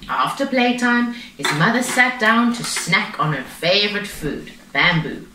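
Storybook reader: a woman reading aloud slowly and expressively, bright tone, echoey room heard from a distance. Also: medium pitch, slight background noise. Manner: slow, expressive. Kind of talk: reading a picture book aloud.

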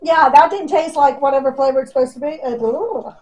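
A woman's voice: sits high, fairly quick, darkish tone, soft background music. A middle-aged woman chatting casually and exclaiming as she reacts to eating sour candy. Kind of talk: casual chat in a challenge video. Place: dining room at home. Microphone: camera across the table.

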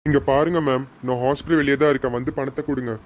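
A man's voice: medium pitch, fairly even intonation, rapid-fire, lo-fi sound, natural voice. An actor playing a greedy blackmailer in a TV serial, pushy and insistent as he threatens. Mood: threatening. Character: greedy male blackmailer demanding payment. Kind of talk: Tamil TV serial acting.

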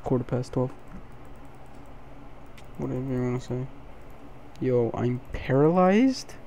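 A man's voice: medium pitch, slow, warm tone, a little hiss or hum. A man commentating his own gameplay, keeping his voice down late at night and sounding sleepy. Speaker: gaming video host.

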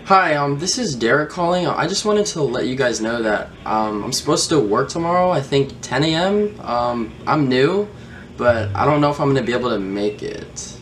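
A man's voice: mid-range voice, expressive, normal speed, slight background noise. A young man talking in a casual, slangy way, as in a prank phone call or video chat. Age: young adult. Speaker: prank caller and video host. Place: small room indoors, plain wall.

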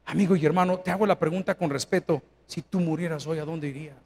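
Pastor guy preaching, high voice, goes from quiet to yelling. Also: fast, creaky. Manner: preaching with rhetorical questions, swings from hushed to shouting. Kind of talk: sermon.

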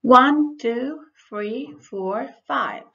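A woman with a Croatian accent teaching young children to count like a kids show host, in simple repeated phrases with pauses. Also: on the high side, creaky. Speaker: primary school English teacher. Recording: dull lo-fi voice-over.

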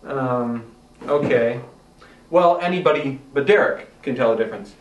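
A man's voice: mid-range voice, dull audio. A man playing a frantic, exasperated rookie film director in a comedy sketch. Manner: frantic, exasperated, talks fast. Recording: echoey room from far off, faint noise.

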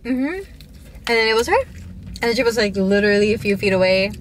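A young woman chatting casually in a car for her vlog, excitable and giggly as she tells stories. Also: mid-range voice, fairly quick, slight background noise, rough recording. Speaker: vlogger.

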